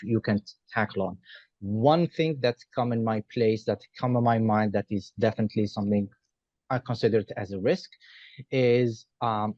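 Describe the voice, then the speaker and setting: A man speaks with eager enthusiasm as a jury member on a video call. His voice sits at an ordinary pitch. The audio is dull, lo-fi and very dry, with no room sound. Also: darkish tone, no room sound. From Algeria. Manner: enthusiastic, effusive praise. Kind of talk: spoken feedback at an online pitch event.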